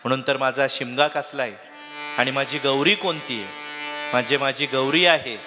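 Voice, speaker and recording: A man's voice: mid-range voice, moderate pace, big-room sound, over music. A man preaching a devotional sermon, telling stories, quizzing his listeners and breaking into song. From Maharashtra. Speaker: kirtan preacher.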